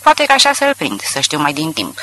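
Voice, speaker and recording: A hot-tempered store owner bursts out in exasperation, pitched high and sharp, voiced by a man reading aloud. His voice jumps around lively as he talks. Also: heavily acted. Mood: exasperated. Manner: explosive, exasperated.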